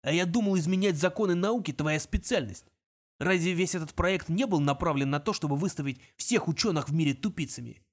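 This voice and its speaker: A man's voice: a little high, fairly quick, close to an everyday voice. A man voicing a cruel male thug who mocks and threatens in a cold, menacing way, in an audiobook reading. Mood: mocking. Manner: sneering, mocking threats. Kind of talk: audiobook character voice.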